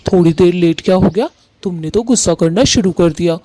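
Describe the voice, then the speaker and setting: A man's voice: high voice, a little fast, background noise, close to an everyday voice. A man voicing a young male bird in a cartoon who coaxes and then defies his mother. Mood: wheedling. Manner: defiant, wheedling. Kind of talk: Hindi cartoon voice acting.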